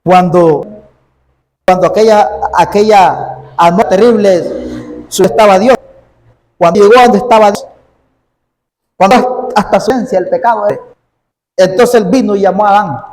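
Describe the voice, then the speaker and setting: Preaching at a measured pace with long pauses, a man speaks in a high, darkish voice, repeating phrases and punctuating them with "amén" and "¿ves?". He is a pastor in a church sanctuary. The sound carries the long reverb of a big hall.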